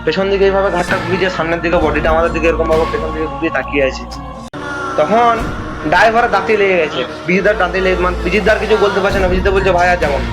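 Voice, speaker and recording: A man's voice: high-pitched, quick pace, over music. A man telling a ghost story in a casual chat, repeating phrases for effect. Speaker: guest storyteller.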